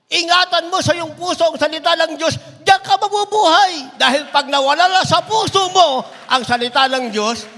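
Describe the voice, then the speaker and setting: Man, impassioned sermon, high-pitched, gravelly, long hall reverb. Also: moderate pace. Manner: impassioned, swings between shouting and low asides. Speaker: preacher. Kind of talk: Tagalog sermon.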